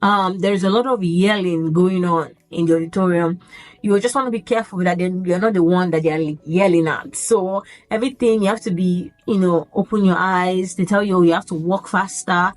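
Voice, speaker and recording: A woman vlogger telling her own story in a casual, animated way, jumping into the voices of the people she quotes. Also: lowish voice, normal speed, rough recording. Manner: animated, acts out the yelling in quotes. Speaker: vlogger recounting her military training.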